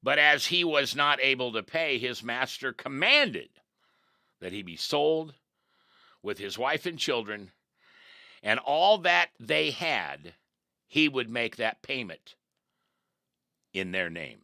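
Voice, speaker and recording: A man teaching as a pastor, reading scripture aloud and breaking in with lively, animated asides. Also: medium pitch, slow pace, vocal fry, long pauses, dry recording, studio quality. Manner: reads scripture then comments, animated asides. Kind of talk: devotional teaching.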